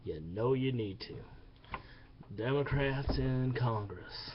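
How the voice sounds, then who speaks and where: A man's voice: medium pitch, slow pace, lo-fi sound, noisy background. A man angrily ranting about politics in a profane, heated monologue that repeats itself. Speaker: vlogger. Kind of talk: angry political rant.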